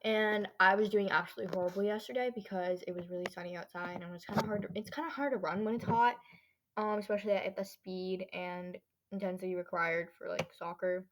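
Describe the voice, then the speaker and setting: A woman's voice: medium pitch, fairly even intonation, a little fast, noisy background. Teen girl, solo podcast host, casual and rambling, loads of fillers, mid-range voice. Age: teens. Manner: rambling, filler-heavy, loses her train of thought.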